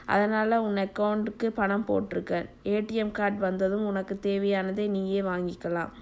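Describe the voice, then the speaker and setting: A woman voicing a caring young husband who talks gently and teases playfully. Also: medium pitch, level tone, normal speed, lightly acted. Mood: gentle. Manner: gentle and teasing.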